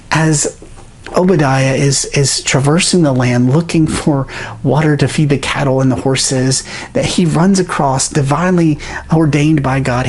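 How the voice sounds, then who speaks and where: A preacher giving a sermon, retelling a Bible story in an animated way with pauses. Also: mid-range voice, slight background noise.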